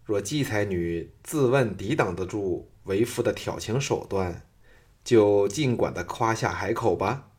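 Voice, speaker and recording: Brief: self-assured young hero from a storybook, read by a man, teasing, low voice. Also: expressive, measured pace, darkish tone. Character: confident playful young male hero.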